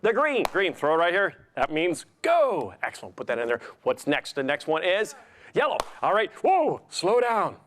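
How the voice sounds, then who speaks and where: A man with a fairly high, very animated voice works as a children's party magician. He is playful and encouraging, tossing out simple questions and praise in interactive magic show patter. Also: normal speed, slight background noise. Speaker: kids' magician, guest entertainer.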